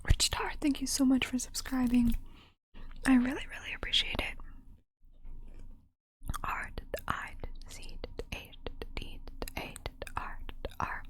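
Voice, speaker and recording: Female ASMR streamer, quick hushed whisper, higher-set, casual and chatty with repeated little phrases. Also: steady tone. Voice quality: soft, mostly unvoiced whisper. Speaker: ASMR livestreamer.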